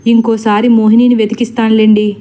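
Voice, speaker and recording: A woman voicing a grave landlord son who gives short, calm orders. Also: fairly high pitch, brisk, close to an everyday voice. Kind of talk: storybook acting.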